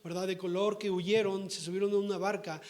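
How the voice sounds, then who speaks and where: A man's voice: high voice, little pitch movement, fairly quick. A male pastor preaching a sermon in a church, fervent and constantly checking in with his congregation.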